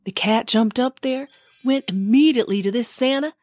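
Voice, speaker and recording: A woman's voice: a little high, normal speed, a little mellow, no echo, faint music behind, lightly acted. A woman playing a friendly, talkative ball ornament in a children's audio drama, telling tales matter-of-factly. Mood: eager storytelling. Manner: chatty, matter-of-fact storytelling. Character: chatty, friendly female Christmas ball ornament, newcomer.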